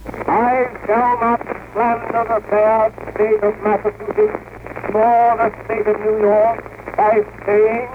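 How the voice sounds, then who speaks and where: A man giving a declamatory campaign speech, shouted into a horn and heard as an old wax cylinder recording. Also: sits high. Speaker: political candidate. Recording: scratchy hissing tinny cylinder recording.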